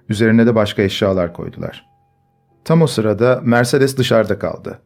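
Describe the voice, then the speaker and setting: A man reading a story aloud in measured scripted narration. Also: lowish voice, a little mellow. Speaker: audiobook narrator. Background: faint music.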